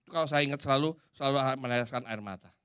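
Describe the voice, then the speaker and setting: A man with an Indonesian accent preaching a sermon in a church, swinging from loud and emphatic to hushed. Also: medium pitch, very fast, clean tone.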